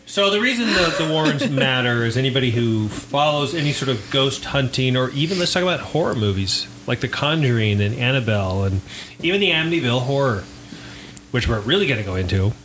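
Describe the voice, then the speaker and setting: A man's voice: mid-range voice, lively intonation, a little fast, noisy background. A man hosting a casual group podcast, chatty and joking, often laughing as he explains things. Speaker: podcast host.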